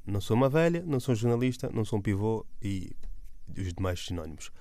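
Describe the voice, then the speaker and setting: A man's voice: on the low side, sing-song, quick pace, mellow, dry recording. A man with a European Portuguese accent, a comedian telling a rambling story in casual slang, full of restarts and fillers. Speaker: stand-up comedian.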